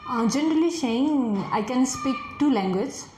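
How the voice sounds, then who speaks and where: In an echoey room with faint noise, a woman in her twenties with a Nepali accent answers exam questions, hesitating and using many fillers. A native Nepali speaker, she is a test candidate who works as a forest officer. Her high-pitched voice is expressive and a little mellow, at a moderate pace.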